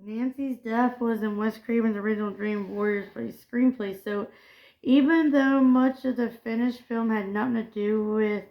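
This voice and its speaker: A fairly high-pitched woman co-hosts a relaxed pop culture chat, reading out film trivia and tripping over her words before correcting them. The recording sounds dull and lo-fi. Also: moderate pace. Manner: reads facts aloud, often stumbling and correcting words. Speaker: co-host.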